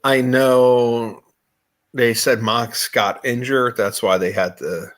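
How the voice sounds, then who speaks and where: A man co-hosting a casual wrestling podcast speaks at a slow, unhurried pace. He mostly chimes in with brief agreements before adding his own short remarks. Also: mid-range voice, steady tone, a bit bright. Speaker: podcast co-host.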